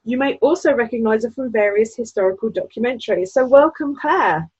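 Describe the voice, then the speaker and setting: An excitable, gushing woman co-hosting a casual podcast chat, recorded on a dull microphone. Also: a little high, fairly quick, husky. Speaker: podcast co-host.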